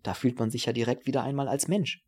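A man's voice: medium pitch, fairly even intonation, fast talker, dark tone, slightly rough, natural voice. A man voicing a polite, hard-of-hearing older café waiter with a formal, deferential manner.

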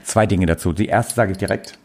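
A man's voice: sits low, brisk, darkish tone. Man co-host, dry delivery, mock-formal, self-mocking comedic chat. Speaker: podcast co-host.

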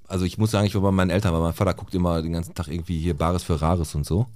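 A man's voice: deep voice, fairly even intonation, very fast, a little mellow. A man co-hosting a podcast in casual chat, rambling and laughing often. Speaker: podcast co-host.

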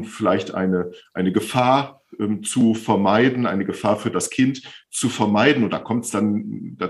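A man who works as a speech therapist, calmly and patiently explaining as a podcast guest, often repeating phrases to stress them. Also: on the low side. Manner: calm, patient explaining with frequent repetitions.

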